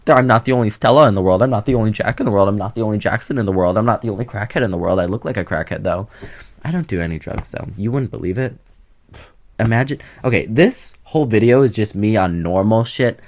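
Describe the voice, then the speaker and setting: A young man with a slightly low voice chats to the camera in a loose, rambling way. He is sassy and quick to change topics, and he keeps it casual throughout. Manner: chatty, sassy, jumps between topics. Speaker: vlogger. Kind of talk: casual rambling vlog chat.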